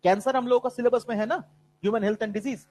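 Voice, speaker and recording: A man with a high voice lectures a biology class in that carries an influence. He switches freely into English for the terms and keeps calling his students "beta". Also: fairly even intonation, fast talker, a little mellow, low-quality recording. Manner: mixes Hindi and English, calls students "beta". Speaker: biology teacher.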